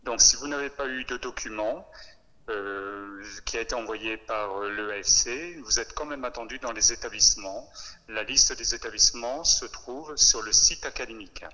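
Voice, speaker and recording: Over a speakerphone relayed into a meeting room, an education official gives a formal briefing to trainee teachers. His medium-pitched voice sounds pushed and bright, and he comes across as hesitant, pausing often with fillers, while the phone audio carries long room reverb.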